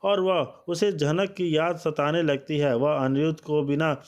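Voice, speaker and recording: A man's voice: on the high side, fairly even intonation, unhurried. Man narrating a serial recap. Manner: addresses viewers as friends, reads out characters' lines.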